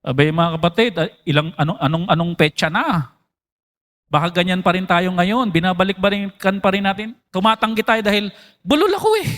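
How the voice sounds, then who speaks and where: A Filipino man preaching a sermon as pastor, switching between Tagalog and English and asking the congregation questions. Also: a little fast. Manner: animated, jumps in pitch for emphasis.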